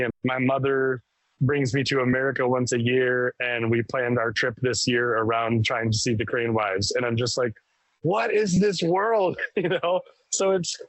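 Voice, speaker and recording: A man in a band talks about his music in a loose, rambling interview voice. He sounds enthusiastic and mid-pitched. The recording is dry and close, with no room around him. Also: no echo, low-quality recording. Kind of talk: casual interview chat.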